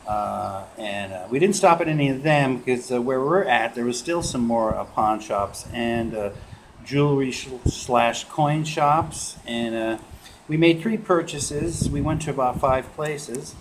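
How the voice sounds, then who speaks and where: A man showing off his coin purchases in a casual vlog, relaxed and rambling, with lots of filler sounds. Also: mid-range voice, unhurried. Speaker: coin collecting vlogger. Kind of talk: casual show-and-tell vlog. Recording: noisy home video recording.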